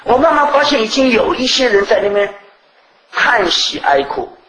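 A woman's voice: a little high, big pitch swings, normal speed, fairly bright tone, slight background noise. A middle-aged woman preaching a sermon in an earnest way, often asking rhetorical questions and repeating herself. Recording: roomy echo.

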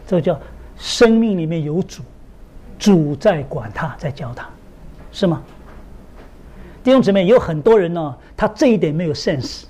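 A man's voice: normal speed, long pauses. A middle-aged man preaching a sermon, telling stories and often putting rhetorical questions to the congregation. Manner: animated storytelling, swinging from low asides to high emphatic questions.

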